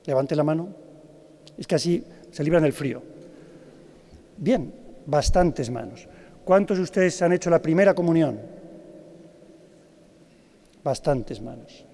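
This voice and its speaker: A man's voice: fairly high pitch, lively intonation, measured pace, long pauses, warm tone. Preaching man in a vast cathedral. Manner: engaging, asks the audience questions. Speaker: Holy Week proclamation speaker. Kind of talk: preaching to a congregation. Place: large cathedral. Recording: long cathedral reverb.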